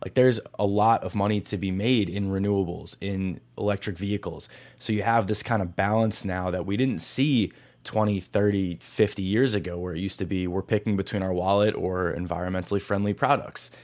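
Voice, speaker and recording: A man's voice: sits low, fairly quick, a little mellow. A man hosting a podcast, introducing interviews and chatting with guests in a conversational, enthusiastic way. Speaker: podcast host. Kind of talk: podcast host narration and interview.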